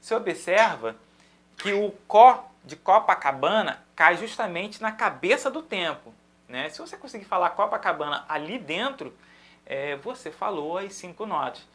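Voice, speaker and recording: Bright-voiced Brazilian drum teacher. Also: male voice, high voice, moderate pace. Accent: Brazilian Portuguese. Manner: patient, chants syllables in steady rhythm to demonstrate. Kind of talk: music lesson explanation.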